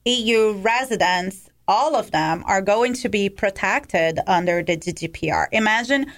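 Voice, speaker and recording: The head of a cybersecurity company, a woman with a slight non-native English accent, appears as a guest on a radio show. Her medium-pitched voice is animated and moves at a normal speed, and her casual style is packed with fillers like "you know, like."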